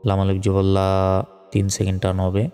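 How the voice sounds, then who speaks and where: Man, Bangladeshi accent, recitation teacher, low flat voice, smooth tone, long reverb, faint music behind. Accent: Bangladeshi Bengali. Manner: spells syllables patiently, then recites drawn-out verses. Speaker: Quran reading teacher. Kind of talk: slow spelled-out recitation lesson.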